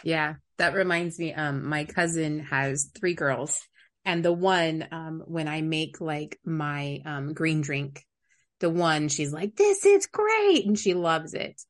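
A woman hosting a casual podcast interview, chatty and quick to laugh, lively when she quotes people. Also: sits low. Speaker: podcast host.

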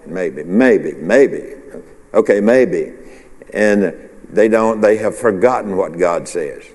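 Low-voiced pastor in an echoing church. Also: male voice, lively intonation, slow pace, darkish tone. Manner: conversational, rambling with restarts and call-and-response. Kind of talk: informal midweek sermon. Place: church sanctuary. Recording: long hall reverb.

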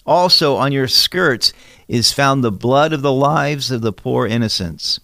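A man's voice: medium pitch, unhurried, gravelly, pushed and bright, no room sound, studio quality. A man teaching through a Bible passage, reading verses aloud and explaining them in an earnest, emphatic way with rhetorical questions. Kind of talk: expository sermon reading and explaining scripture.

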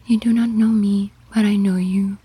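A wounded bearded man confesses in a weak, breathy whisper, as a woman reading a storybook puts him on. The tone is mellow and even. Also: medium pitch, moderate pace, no room sound. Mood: remorseful. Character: wounded bearded male enemy, weak and remorseful.

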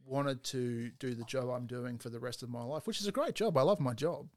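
A man's voice: medium pitch, a little fast. A middle-aged father co-hosting a casual podcast chat, joking and rambling.

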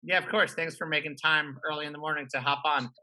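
A man's voice: fairly high pitch, fairly even intonation, fast talker, pushed and bright, rough recording. A man hosting an interview series, upbeat and friendly as he introduces and questions his guest. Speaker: host. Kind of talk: casual interview.

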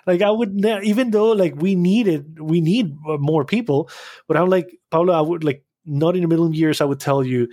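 Man, animated, restarts, dry sound. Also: on the high side, no room sound. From Costa Rica. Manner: animated, quick bursts with restarts. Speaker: podcast guest, business owner. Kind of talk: casual interview talk.

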